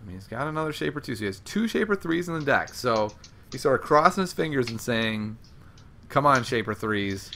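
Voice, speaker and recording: Gravelly bright-voiced male game commentator. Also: mid-range voice, fast talker, a little hiss or hum. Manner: chatty, laughs often, animated outbursts. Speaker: host and commentator.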